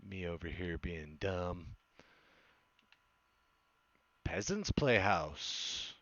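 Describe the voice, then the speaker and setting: A man with a somewhat low smoker's voice chats casually over a game stream. He talks slowly, rambling and hesitating with self-deprecating asides. The recording is dry and a little dull. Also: expressive, fairly bright tone, no echo. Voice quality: smoker's voice with occasional cough. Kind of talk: casual live gameplay chat.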